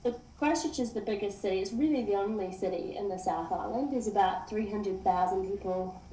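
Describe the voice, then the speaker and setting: Mellow New Zealand woman, echoey line. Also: medium pitch, a little fast, slight background noise. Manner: friendly, rambling, laughs easily. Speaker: podcast guest. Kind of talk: casual interview chat.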